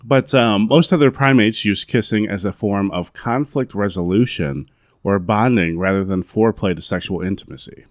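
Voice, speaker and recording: A man's voice: lowish voice, moderate pace, dry recording, clean studio sound. A man co-hosting a casual podcast chat, agreeable and laid-back, with casual swearing. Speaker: podcast co-host.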